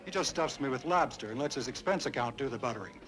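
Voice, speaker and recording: A man's voice: mid-range voice, expressive, fast talker, natural voice. An actor playing a genial businessman who talks in a wry, joking way. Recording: old TV soundtrack, loud music behind.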